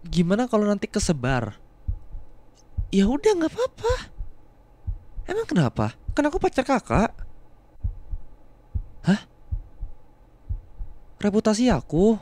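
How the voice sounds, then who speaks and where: A young man voicing a younger male student, a rough former bully who has become a protective boyfriend, in an ASMR role-play. He repeats short words again and again to coax and calm. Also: high voice, a little slow, pauses often, exaggerated voice. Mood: soothing. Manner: repeats words to soothe, coaxing and reassuring. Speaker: voice actor.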